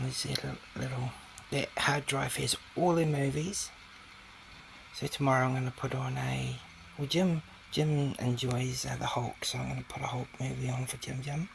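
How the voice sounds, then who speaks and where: A man's voice: medium pitch, gravelly, noisy background. A man giving a casual video update, talking in a hesitant, rambling way with many fillers and restarts, and often dropping to a whisper. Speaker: vlogger.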